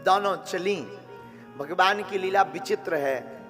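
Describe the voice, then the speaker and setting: A man telling a devotional story as a sermon, slow and dramatic, with florid devotional phrasing. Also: sits high, a bit bright. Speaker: religious storyteller. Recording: reverberant hall with faint instrumental music.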